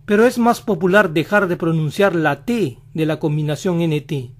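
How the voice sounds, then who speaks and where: A man teaching pronunciation in a slow instructional style, repeating each example word several times. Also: fairly high pitch. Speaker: language teacher.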